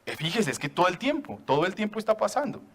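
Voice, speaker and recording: Playful higher-voiced preacher in church. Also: male voice, very animated, fast. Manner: playful, joking with the congregation; asks the church for raised hands. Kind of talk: sermon to a congregation.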